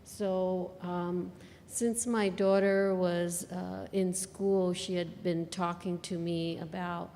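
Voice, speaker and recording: A woman from Bangladesh, an artist, talking about her work in a live on-stage interview with thoughtful pauses between phrases. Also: lowish voice, flat delivery, mellow, big-room sound, slight background noise.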